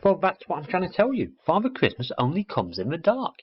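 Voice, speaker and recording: A bossy, proud little girl from a storybook who lectures as if everyone should know already, voiced by a male narrator. The voice is lifted well above his own low tone. The sound is muffled and lo-fi. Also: huge pitch swings, brisk, slightly rough, exaggerated voice. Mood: explaining.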